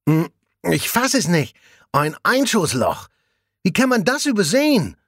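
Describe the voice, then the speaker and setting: A man voicing an excitable, easily indignant male police inspector. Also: on the high side, fairly quick, breathy edge, dry recording, studio quality, pitched above the performer's own voice.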